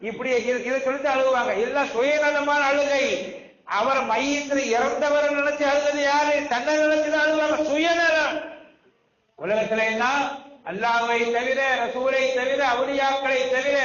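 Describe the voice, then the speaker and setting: A man's voice: very high-pitched, a bit bright, reverberant, highs cut off. A man preaching a sermon in a conversational way, often asking the listeners rhetorical questions. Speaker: Islamic preacher.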